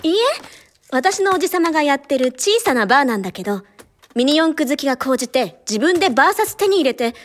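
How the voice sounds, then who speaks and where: A woman's voice: big pitch swings, fast talker, a little hiss or hum. A woman playing a prim ladylike club president. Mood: composed. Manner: ladylike speech, flusters into shrill panic. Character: prim young female club president, refined then flustered. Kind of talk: radio drama acting.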